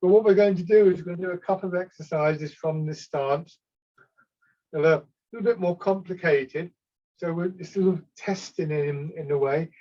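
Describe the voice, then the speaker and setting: A man gives calm, unhurried step-by-step tai chi cues as an instructor, sometimes hesitating and correcting himself. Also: a little high. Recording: slightly dull, lo-fi sound.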